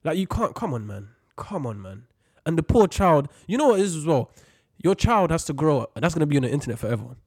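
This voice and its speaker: A man's voice: a little high, expressive, fast talker, a little mellow, no echo, clean studio sound. A young man with a London roadman accent, chatting casually as a host in an emphatic, slangy, sweary way. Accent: London, urban roadman slang. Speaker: podcast host. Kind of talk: casual banter and opinion chat.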